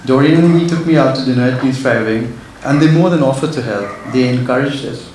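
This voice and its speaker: In a highly reverberant hall with faint background noise, a male author gives a prepared literary speech. His mid-range voice is brisk and darkish in tone, and he comes across as earnest but nervous.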